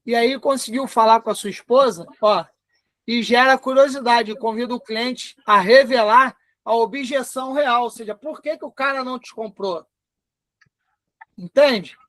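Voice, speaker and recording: A Brazilian man with a very high voice runs a live online class over a call. He talks in a chatty, informal way and slows right down to dictate word by word. The sound is dry and close. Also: a bit bright, dry recording. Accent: Brazilian Portuguese. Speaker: instructor.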